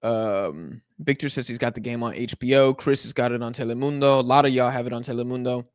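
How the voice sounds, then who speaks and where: Here's a brisk, mid-range male voice captured in a dry, clean studio recording. He's an American casually hosting a football watch-along live from his couch, laid-back and meandering as he fields chat comments in real time.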